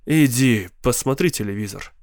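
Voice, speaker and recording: A man voicing a gloomy, withdrawn teenage older brother who speaks in a flat, sullen way. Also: medium pitch, normal speed, lightly acted. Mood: bitter.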